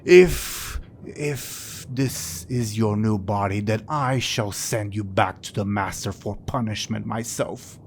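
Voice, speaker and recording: A man doing a menacing pit lord in a fantasy tabletop game. He speaks slowly and with contempt, his voice dropped a little lower. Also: a little hiss or hum. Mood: scornful. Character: scornful, menacing male pit lord demon.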